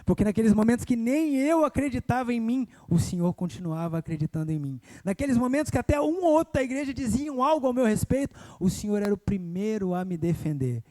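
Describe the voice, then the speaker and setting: A young man preaching a sermon in church, telling a personal story and rising to loud emotional cries. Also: extremely high pitch, expressive, quick pace, hardly any pauses. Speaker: evangelist preacher. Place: church sanctuary.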